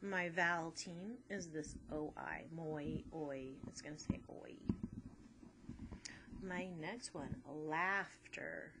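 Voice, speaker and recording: A woman's voice: lowish voice, takes it slowly, pauses often, noisy background. A woman teacher patiently walking through a phonics lesson step by step.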